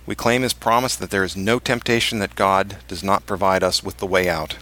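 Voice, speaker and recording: Bright, low-pitched male podcast host. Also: steady tone, brisk. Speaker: podcast host, church elder. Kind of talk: scripted introduction and reading, panel moderation.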